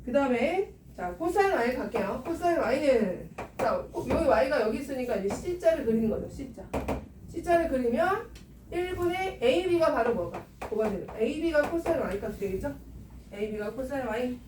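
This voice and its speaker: A woman's voice: high-pitched, animated, a little slow. A woman math teacher in a classroom, talking students through problems and coaxing them with constant questions. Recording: echoey room, picked up from a distance with background noise.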